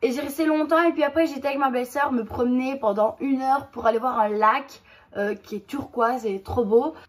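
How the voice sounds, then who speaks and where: Woman vlogger, high-pitched, halting casual haul chat, stops often to read labels. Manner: reads product packaging aloud, hesitant with many fillers. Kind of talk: casual product haul vlog.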